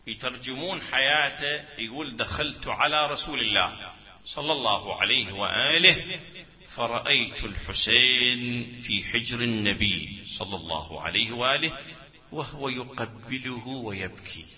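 A man's voice: mid-range voice, lively intonation, normal speed. A man preaching a mournful sermon, moving between speech and chanted lament. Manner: shifts from speaking into mournful chanting. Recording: dull sound with long hall reverb.

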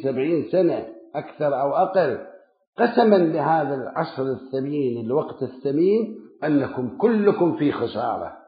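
A man delivers a sermon, building emphatic lists of words that climb and then sink low. The sound is thin and phone-like. It rings with a roomy echo. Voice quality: emphatic, rhythmic listing of words, rising then dropping low. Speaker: preacher. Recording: echoey, phone-like lo-fi recording.

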